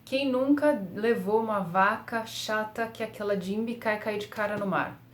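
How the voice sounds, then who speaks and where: A young woman surf vlogger gives casual tutorial tips on surfing, chatting away, laughing at herself and dropping plenty of fillers. Her mid-range voice moves at a normal speed, and the room sounds echoey.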